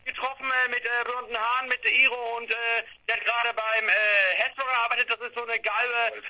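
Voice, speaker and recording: A man's voice: very high voice, little pitch movement, fairly quick, bright, forceful tone, lo-fi sound. A man in his late twenties, a band member telling stories in a rambling way with many fillers. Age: 20s. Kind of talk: casual interview.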